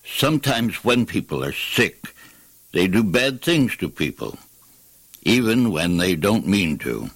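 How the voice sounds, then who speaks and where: A low, husky counselor played by an actor in a children's audio drama. The delivery is patient and gently probing, with pitch that moves freely from phrase to phrase. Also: sing-song, a little slow, exaggerated voice. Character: calm, gently probing adult counselor doctor.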